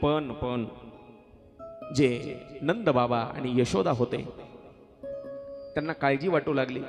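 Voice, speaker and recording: A male devotional preacher telling a sacred story in a sermon, questioning his listeners and sometimes breaking into song. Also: medium pitch. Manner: exhorting, questions the audience and answers.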